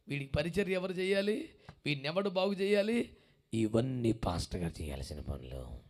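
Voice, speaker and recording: High-voiced preaching pastor. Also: male voice. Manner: rhetorical call-and-response questions to the congregation; emphatic repetition. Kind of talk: sermon.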